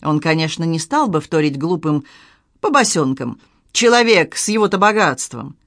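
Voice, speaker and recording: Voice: medium pitch, very animated, moderate pace, a bit bright, no echo. A self-important townsman passes on rumors in an insistent voice, as an audiobook reader puts him on. The sound is dry and close.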